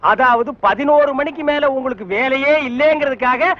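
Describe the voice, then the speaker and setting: Brief: a teasing, very high-voiced music teacher, dull old film sound. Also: male voice, normal speed. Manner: teasing, sarcastic.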